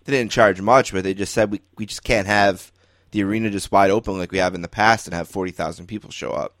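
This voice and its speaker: A man hosting a casual sports chat, talking in a relaxed, conversational way. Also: fairly low pitch, quick pace, dry recording. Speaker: host.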